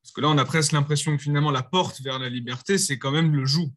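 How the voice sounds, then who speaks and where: A man's voice: a little high, fairly even intonation, quick pace, fairly bright tone. A man in a class discussion who thinks aloud and asks the teacher searching questions. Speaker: student.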